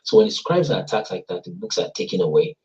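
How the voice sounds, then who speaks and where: Fast and very animated, a low-pitched, slightly mellow male voice from Africa hosts a relaxed discussion of how languages connect. His teacherly explanations are punctuated with "right?" and "you see," and the recording sounds dull and lo-fi.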